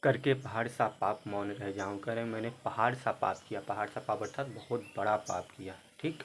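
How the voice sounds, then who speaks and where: A man teaches a Hindi poem to exam students, reading each verse and then explaining it word by word. His voice is on the low side and a little fast, with slight background noise.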